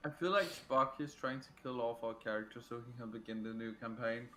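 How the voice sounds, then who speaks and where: A man's voice: mid-range voice, fairly even intonation, brisk, sharp tone. Male game player with faint background noise. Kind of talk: casual tabletop game chat.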